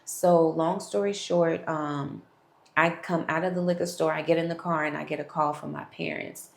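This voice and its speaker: A woman's voice: low-pitched, steady tone, normal speed, gravelly. A young woman frankly telling her personal testimony straight to viewers. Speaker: vlogger sharing a testimony. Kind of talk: candid personal storytelling to camera. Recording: echoey room.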